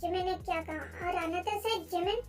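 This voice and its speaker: A woman's voice: very high-pitched, normal speed, distant mic, faint music behind. A woman narrating a fan story in a plain storytelling manner.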